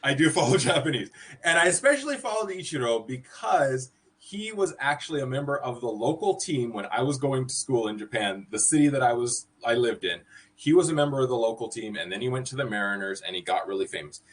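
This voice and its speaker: A man from California hosting a podcast, chatting in an animated, reflective way with frequent restarts. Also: medium pitch, brisk, poor audio. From California, USA. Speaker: podcast host. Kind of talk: casual podcast chat.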